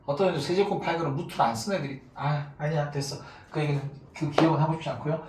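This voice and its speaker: In a classroom lecture, a man with a fairly high, steady voice races through a math lesson, speaking casually and constantly checking that his students are following. The room is echoey, the mic is far off, and there's faint noise.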